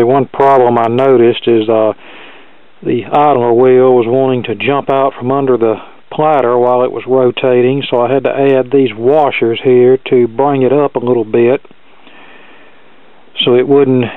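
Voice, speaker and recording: With a medium-pitched, clear and resonant voice, a man talks through a repair at a normal speed with little pitch movement. He's a hobbyist giving a casual, dryly funny demonstration in a cluttered electronics workshop. The dry recording from a camera mic sounds muffled and phone-like.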